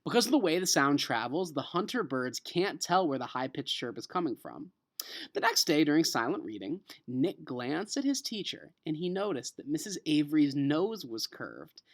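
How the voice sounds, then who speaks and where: An American man with a fairly high voice, working as an elementary school teacher, reads a children's novel aloud to his class and explains it with expressive emphasis.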